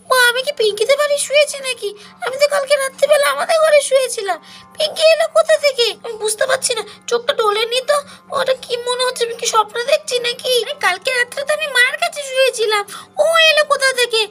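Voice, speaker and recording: A woman's voice: extremely high pitch, quick pace, a bit bright, soft background music. A woman voicing a little girl who complains tearfully after being woken in a doll cartoon. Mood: whiny confused. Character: little girl woken at night, whiny and fretful.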